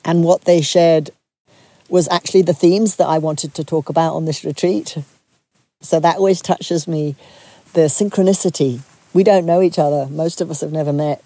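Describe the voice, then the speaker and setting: A retreat leader from Zambia speaks to a group softly and reflectively, with many pauses and restarted phrases. The voice is mid-range and steady in tone, and there is no echo.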